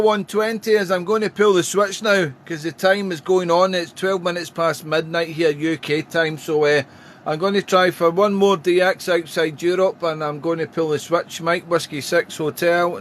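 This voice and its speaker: A man with a British accent chatting as an amateur radio operator, deliberate and full of call phrases. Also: high-pitched, steady tone, slight background noise. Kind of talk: casual radio contact chat. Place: home radio room.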